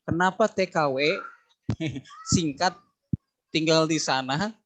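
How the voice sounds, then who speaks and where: Indonesian male Arabic teacher, patient drills, slow stretched examples, slightly high voice. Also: fairly bright tone, a little hiss or hum. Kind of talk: online class lesson.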